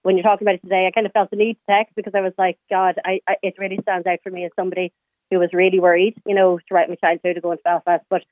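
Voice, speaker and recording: A Donegal Irish woman calls in over a tinny phone line. She talks very quickly and informally, sharing personal memories in a chatty, conversational way. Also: lowish voice, little pitch movement, dry recording. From County Donegal, Ireland. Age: late 30s. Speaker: radio phone-in caller. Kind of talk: personal reminiscence in casual conversation. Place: phone call to a radio show. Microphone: telephone.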